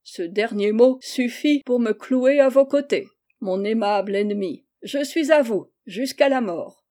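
A woman reading a courtly old gentleman. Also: fairly high pitch, animated, measured pace. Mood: gallant. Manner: courtly, affectionate. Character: gallant, good-humored older gentleman.

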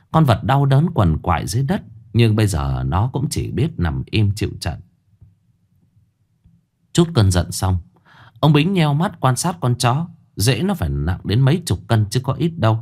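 A man narrating a horror story in a dramatic, lively storytelling manner. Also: mid-range voice.

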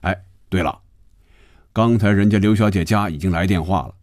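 A man voicing a jovial middle-aged male company executive in a radio audiobook, chummy and hearty with drawn-out exclamations. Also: sits low, a little mellow, no echo, studio quality, lightly acted.

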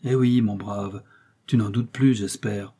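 Man playing a commanding marquis in hiding, clipped orders, low husky tone. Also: steady tone, unhurried, dark tone. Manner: imperious, curt. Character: commanding male nobleman in hiding, grim.

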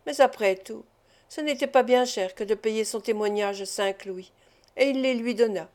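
A woman's voice: fairly high pitch, moderate pace, a little mellow. Woman reading a novel aloud. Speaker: audiobook reader. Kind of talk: literary audiobook narration.

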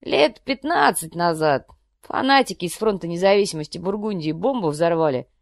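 A woman's voice: on the low side, expressive, normal speed, creaky, dry recording, clean studio sound. A woman reading the part of a crude, boastful male gangster boss, with coarse slang. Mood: smug.

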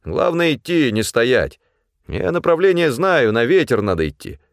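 A man voicing a stubborn, rough-spoken male guide who barks orders over a storm. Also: mid-range voice, very animated, moderate pace, no echo, studio quality, pitched above the performer's own voice. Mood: angry commanding. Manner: coarse, bossy, shouting over wind.

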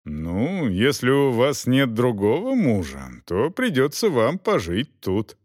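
A man voicing a gruff knight who talks in a dry, unhurried, commanding way in an audiobook. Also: mid-range voice, wildly swooping pitch, darkish tone, no echo, heavily acted. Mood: mocking. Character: gruff, mocking knight, weary after a long ride.

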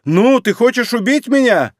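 A man voicing a poor old peasant woman, sly and vengeful, with a shrill, wheedling manner. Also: animated, moderate pace, no echo, studio quality. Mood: shrill anger.

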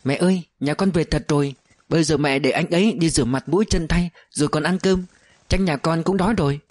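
A man's voice: fairly high pitch, fairly quick, darkish tone, no echo, voice pushed up, natural voice. A man voicing an affectionate young village wife who speaks in a coaxing, playful way. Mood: gentle.

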